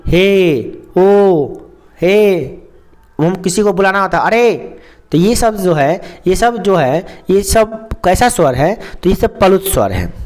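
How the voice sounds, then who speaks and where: A young man with a high voice teaches a lesson. He goes slowly and repeats himself, stretching out each sound. He keeps asking a question and then answering it himself. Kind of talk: explaining a lesson.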